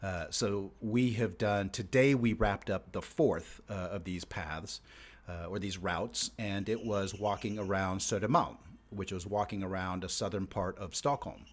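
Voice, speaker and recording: A man's voice: low voice, steady tone, measured pace. A man co-hosting a podcast in casual chat, rambling with many fillers and restarts. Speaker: podcast co-host.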